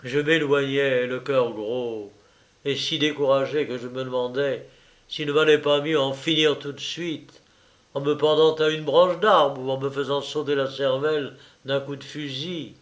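A man narrating a literary story in a measured audiobook reading. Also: medium pitch, little pitch movement, fairly bright tone. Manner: slow, measured.

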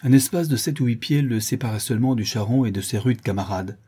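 Guy narrating an old novel, steady reading, dark mellow voice, kinda husky. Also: mid-range voice, fast talker. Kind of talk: audiobook reading of a classic novel.

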